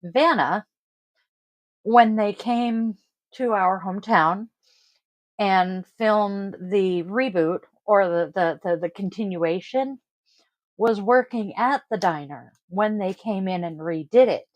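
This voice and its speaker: A middle-aged woman from Washington State hosts a casual tarot livestream in a slow, medium-pitched voice with no echo. Tired, congested, and sniffly, she rambles and trails off with sighs.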